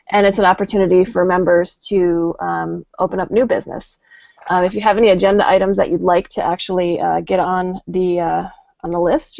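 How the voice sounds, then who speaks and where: A woman's voice: fairly low pitch, vocal fry, darkish tone, dry recording. A woman talking casually as a panel guest, giving information with some fillers. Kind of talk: casual chat. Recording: dry, dull lo-fi audio.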